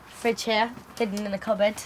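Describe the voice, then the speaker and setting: A woman's voice: mid-range voice, level tone, a little fast, a little hiss or hum, low-quality recording. A woman of eighteen, a newlywed, chatting casually to camera in a plain-spoken, informal way. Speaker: newlywed bride. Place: outdoors at night and inside a small caravan.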